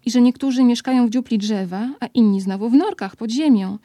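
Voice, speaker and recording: A woman narrating a storybook in a lively, expressive way. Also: a little high, a little fast, no echo, clean studio sound. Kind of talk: storybook reading.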